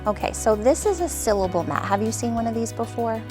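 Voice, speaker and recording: A woman host and teacher who explains a reading skill clearly, then coaches a child with patient, upbeat praise. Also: on the high side, lively intonation, a little fast, over music. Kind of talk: scripted teaching intro and one-on-one demonstration.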